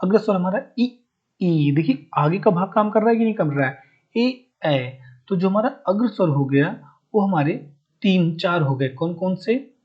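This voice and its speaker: A male teacher giving a recorded grammar lesson. He asks his students a question, answers it himself, and repeats each definition slowly so they can take notes. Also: high voice, lively intonation, slightly rough. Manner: mixes in English words, addresses viewers as guys. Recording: muffled, dull recording.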